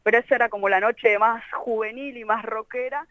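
A high-pitched woman with a Rioplatense Argentine accent talks as a guest musician on a phone interview. She rambles through her story and leans on filler phrases. The line sounds dull and lo-fi, with a dry, close feel. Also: fairly even intonation, a little fast, dry recording. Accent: Rioplatense Argentine Spanish. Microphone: telephone line.

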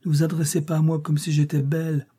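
A man's voice: on the high side, monotone, quick pace, mellow, slightly rough, pitched above the performer's own voice. A man reading aloud and voicing a shy, earnest young governess in a classic novel. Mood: pleading.

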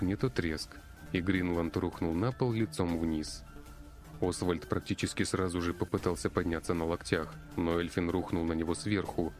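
A man's voice: low-pitched, a little mellow. A man narrating a first-person fantasy audiobook, urgent and commanding in his own lines. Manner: urgent, commanding when speaking as himself.

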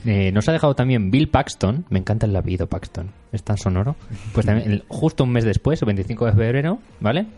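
A man's voice: fairly low pitch, lively intonation, fast, hardly any pauses, dark tone, faint music behind. Joking man hosting a podcast. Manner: jokey, runs news segments. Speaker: podcast co-host. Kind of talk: casual chat.

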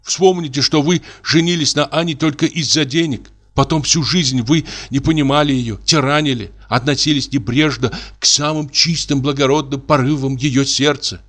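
A man's voice: on the high side, fairly even intonation, normal speed, few pauses, a bit bright, pitched above the performer's own voice. A man voicing a poor young technician who mumbles and stammers hesitantly. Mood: earnest reproach. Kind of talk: audiobook character reading.

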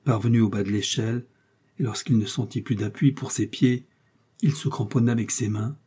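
Male audiobook narrator: measured storytelling, warm-dark and husky timbre. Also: lowish voice, fairly even intonation. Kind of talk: scripted narration.

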